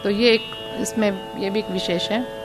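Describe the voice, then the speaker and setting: Woman, classical music teacher, slow deliberate explainer, light music underneath. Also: mid-range voice, steady tone. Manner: slow, explanatory, reciting drum syllables and sung notes.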